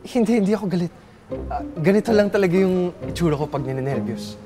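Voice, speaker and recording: A man's voice: high-pitched, lively intonation, fast talker. A man playing a nervous, shy young man who is awkward and hesitant on a date. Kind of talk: TV comedy drama acting. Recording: strong background music score.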